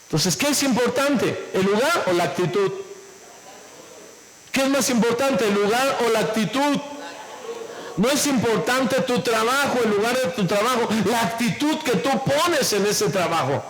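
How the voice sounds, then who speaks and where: A man's voice: animated, unhurried, a bit bright. A male pastor preaching a sermon, firing question after question at the congregation. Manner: asks the congregation many questions; acts out quoted voices in a lower tone. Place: church. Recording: echoey church hall with faint room noise.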